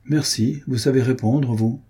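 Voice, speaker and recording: Young male swordsman, courteous and cool, husky dark voice, read by a man in an audiobook. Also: medium pitch, fairly even intonation, a little slow. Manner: polite, cool, resolute. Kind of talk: audiobook reading.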